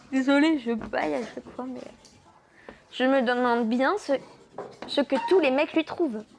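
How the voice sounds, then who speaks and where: Brief: woman gamer, high voice, casual, crude asides, home mic. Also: measured pace, vocal fry, long pauses, a little hiss or hum. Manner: reads the story aloud with blunt, crude asides. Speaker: gamer playing a story game. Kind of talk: casual let's-play commentary, reading game text aloud.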